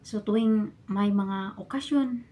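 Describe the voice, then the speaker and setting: A woman from the Philippines, a domestic worker abroad, telling her story in a casual vlog and often dropping into a hushed whisper. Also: mid-range voice, slow. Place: a bedroom in her employer's home.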